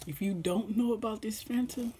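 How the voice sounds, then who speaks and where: A woman's voice: mid-range voice, normal speed, dark tone, a little hiss or hum. A young woman vlogging at home as she eats, chatting in a rambling way and laughing often, recorded by a camera on the table. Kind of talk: casual mukbang chat. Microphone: camera set up on the table.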